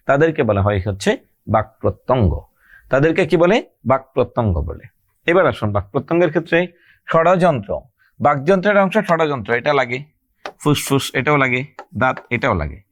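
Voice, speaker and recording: A man teaching an exam-prep grammar lesson, explaining step by step, addressing students directly and repeating key terms slowly. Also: mid-range voice, no echo.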